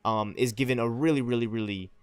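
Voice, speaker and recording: Fast-talking young male game streamer. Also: mid-range voice, a little mellow, clean tone, no room sound. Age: 20s. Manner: rambling and passionate, keeps asking "right?". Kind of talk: livestream chat with viewers.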